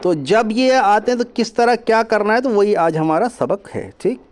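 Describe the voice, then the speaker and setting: A man teaching Quran reading in an online lesson, explaining patiently and drawing out letter names slowly. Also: high voice, expressive. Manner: mixes English words into his explanations.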